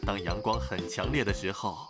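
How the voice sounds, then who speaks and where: Very low-voiced woman guiding a children's lesson. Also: brisk. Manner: guiding, instructive. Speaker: educational narrator who talks to the characters. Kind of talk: scripted children's lesson narration. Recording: loud music behind the voice.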